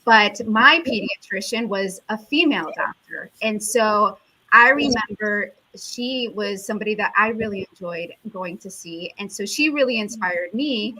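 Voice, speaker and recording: A woman's voice: medium pitch, animated, a little slow, bright, forceful tone, low-quality recording. A woman from the United States, an endocrinologist, giving an earnest, reflective interview answer with frequent fillers. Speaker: endocrinologist guest.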